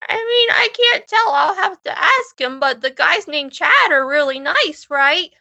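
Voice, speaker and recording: A woman's voice: high-pitched, animated, a little slow, sharp tone, dry recording, exaggerated voice. A woman voicing a cheeky, randy old grandmother, with a shaky, crackly voice in improv comedy.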